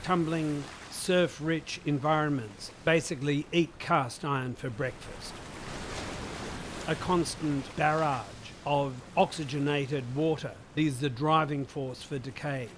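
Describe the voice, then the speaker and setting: A man's voice: fairly high pitch, fairly even intonation, measured pace, background noise. Vivid Australian man explaining. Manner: vivid, plain-spoken explanation. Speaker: chemist and museum director. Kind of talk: interview.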